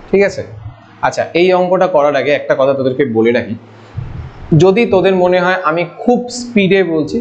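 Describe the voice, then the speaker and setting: High-voiced man teaching maths, lo-fi. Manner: asks students questions and answers them himself; informal, addresses students with familiar forms. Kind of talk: online maths lesson. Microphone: voice-over on slides. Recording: dull lo-fi audio.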